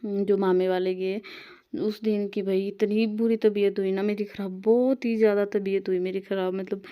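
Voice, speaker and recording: A woman's voice: mid-range voice, little pitch movement, moderate pace, clear, resonant tone, dull audio. A young woman from Himachal, rambling chattily through a casual vlog voice-over. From Himachal Pradesh, India. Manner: rambling, chatty, self-correcting. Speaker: vlogger. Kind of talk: casual voice-over narration while editing.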